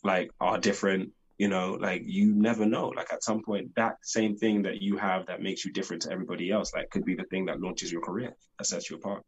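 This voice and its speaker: A young London-accented man from the United Kingdom chats eagerly as an actor guest in a casual interview, leaning heavily on "like." His deep voice holds a level tone and moves a little fast with few pauses. It sounds slightly rough, and the audio is dull.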